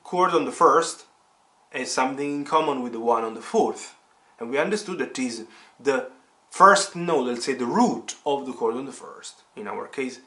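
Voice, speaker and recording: Teaching piano in a relaxed tutorial, this man explains each step methodically and goes over things again. His medium-pitched voice is bright and forceful, and piano playing can be heard.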